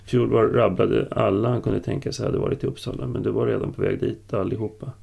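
A man narrating a historical novel as an audiobook. His reading is steady and measured. His voice is very gravelly, dark and husky. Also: lowish voice. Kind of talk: scripted narration.

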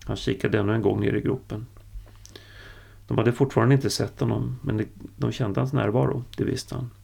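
A man narrating a story audiobook-style in a steady, unhurried way. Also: mid-range voice, creaky, breathy edge.

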